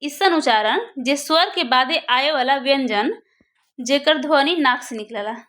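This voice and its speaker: High-voiced woman teaching grammar. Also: unhurried, fairly bright tone. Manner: asks questions and answers them herself. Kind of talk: exam-prep grammar lesson.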